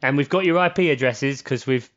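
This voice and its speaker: A man's voice: mid-range voice, fairly quick, dull audio. A tired man, co-hosting a podcast in casual, sweary, rambling chat. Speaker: podcast co-host.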